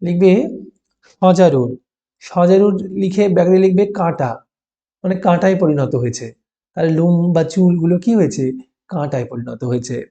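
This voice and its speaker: A man's voice: high voice, moderate pace, long pauses, dark tone. A male teacher giving a school lesson, dictating answers to write down in short, repeated pieces and prompting with questions. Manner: instructive, prompts with questions then answers them. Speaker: teacher explaining class 5 textbook answers. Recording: dull, muffled lo-fi recording.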